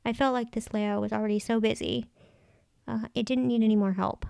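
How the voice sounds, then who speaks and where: Female craft vlogger, smooth and slightly high voice, chatty casual tutorial narration, close dry sound. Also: steady tone, fairly quick, a little mellow, no room sound. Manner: chatty, thinking aloud. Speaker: craft vlog host.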